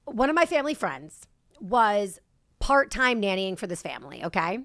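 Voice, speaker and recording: A young woman hosting a podcast, chatting casually and telling an animated story with lots of giggles and swearing. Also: mid-range voice, moderate pace, dry recording, studio quality. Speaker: podcast host. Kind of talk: casual chat.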